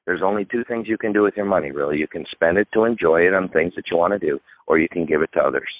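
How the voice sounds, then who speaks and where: On a radio interview, a guest retirement expert in his fifties delivers emphatic, instructive advice, setting out the steps in order. His voice sits low and he talks fast. It comes through a dry, tinny phone line with no echo.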